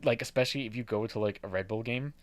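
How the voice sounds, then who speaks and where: A young man co-hosts a podcast, talking fast in a mid-range voice with no room sound at all. His casual chat rambles along, full of swearing and frequent laughter.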